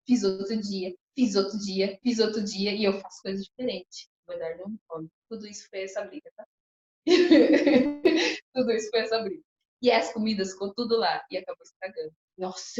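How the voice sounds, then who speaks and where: A young woman gives a personal testimony to a church group, telling her story in a lively, emotional way and often turning to the audience. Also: medium pitch. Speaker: testimony speaker at a church couples' course. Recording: echoey, slightly muffled hall recording.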